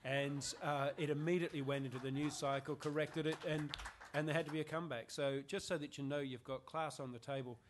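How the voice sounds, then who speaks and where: Brief: man, journalist panelist, rapid emphatic delivery, repeats words as he pushes a point. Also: on the high side, fairly even intonation, slight background noise. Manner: emphatic, restarts phrases. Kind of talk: panel discussion. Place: conference hall.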